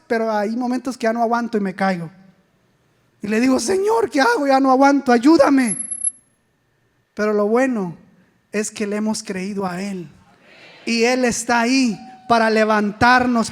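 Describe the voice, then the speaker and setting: A woman with a high voice preaches an animated sermon. She puts rhetorical questions to the congregation and acts out the quoted speech. Her voice rings with the long reverb of a church sanctuary.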